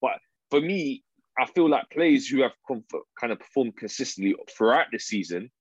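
A man's voice: mid-range voice, expressive, moderate pace, husky, dry recording, muffled recording. A young man with a London roadman accent, arguing insistently in a casual football debate with friends and repeating himself. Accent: London roadman, multicultural urban slang.

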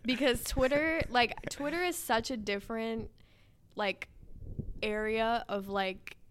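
A young woman co-hosting a podcast in casual chat, animated and using lots of fillers. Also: a little high, slow pace, slight background noise. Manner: chatty, filler-heavy, animated. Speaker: podcast co-host.

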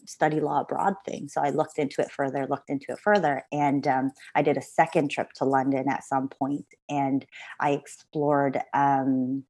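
A young law student from Canada and the Philippines, appearing as a podcast interview guest, reflects on her story and laughs now and then. Her voice is low-pitched and darkish, recorded dry.

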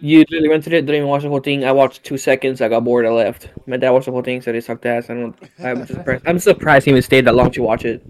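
A man's voice: mid-range voice, fairly even intonation, fast, hardly any pauses. A young man co-hosting a casual chat, blunt and profane as he retells family stories. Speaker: podcast co-host.

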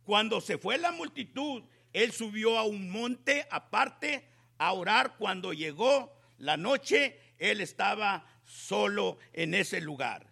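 A male preacher delivers a sermon in slow, emphatic phrases, building to exclamations. His voice sits high and has a gravelly, husky edge. The tone is bright and sharp. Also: very animated.

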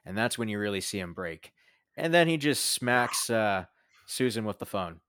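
A man's voice: lowish voice, expressive, moderate pace, fairly bright tone, dry recording, clean studio sound. A young man casually reviewing a movie with a friend, rambling with many fillers and restarts. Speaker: podcast co-host.

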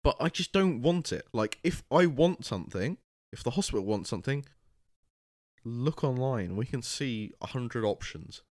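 A British man co-hosting a casual chat podcast, animated and ranting, often laughing and acting out what people said to him. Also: medium pitch, moderate pace. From Britain. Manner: animated, ranting, laughs a lot, acts out quotes. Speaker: podcast co-host.

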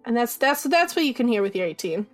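A woman's voice: on the high side, very animated, fast, faint music behind. A woman running a tabletop game as game master, narrating with frequent hesitations and fillers. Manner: hesitant, many ums.

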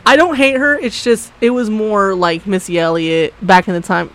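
A woman's voice: medium pitch, fairly even intonation, moderate pace, fairly bright tone, poor audio. Blunt, foul-mouthed woman chatting. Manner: blunt, swears freely, laughs often. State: coughing briefly. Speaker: podcast co-host. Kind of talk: casual chat.

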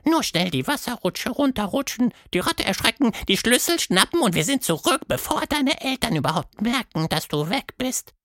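A tiny, playful tentacled creature from a children's storybook squeaks its lines high and with wide swings. The voice stays earnest and eager. The recording is dry and close. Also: male voice, big pitch swings, moderate pace, hardly any pauses, sharp tone, no echo, heavily acted. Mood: squeaky, pleading. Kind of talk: storybook narration.

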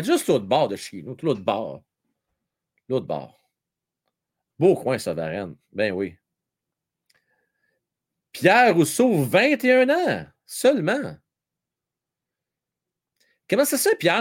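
Man, Quebec French accent, casual live-stream host, animated and teasing, repeats phrases. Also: fairly high pitch. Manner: chatty, teasing, repeats himself, many fillers. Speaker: live stream host reading viewer chat during a hockey game. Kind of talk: casual live chat with hockey updates.

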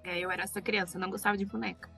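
A Brazilian woman co-hosting a casual podcast, telling a story with animated asides to her friends. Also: mid-range voice, very fast, gravelly, husky, faint music behind. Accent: Brazilian Portuguese. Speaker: podcast co-host.

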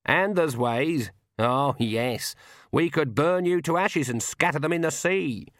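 Bossy old witch woman, high and sharp, blunt country talk, put on by a male narrator. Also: a little slow, no echo, studio quality. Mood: stern. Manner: blunt rural speech, dropped endings. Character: stern elderly witch woman, sharp-tongued, commanding.

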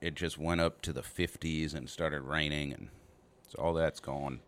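A man's voice: rumbling low, fairly even intonation, moderate pace, a bit bright. A man hosting a podcast in a casual, informal chat style, swearing freely. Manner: profane, informal. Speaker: podcast host. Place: small back room of a cigar lounge.

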